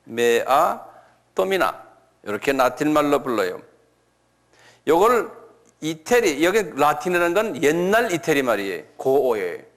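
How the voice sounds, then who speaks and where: 느릿하게 강의하는 남성 목사. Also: male voice, a little high. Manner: repeats key words slowly, asks the audience questions. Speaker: pastor. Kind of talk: lecture-style sermon.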